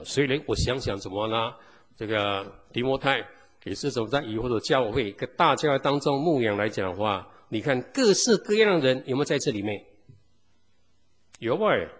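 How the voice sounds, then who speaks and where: A man's voice: mid-range voice, slightly rough. A man preaching a sermon as pastor, peppering the congregation with rhetorical questions. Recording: long hall reverb.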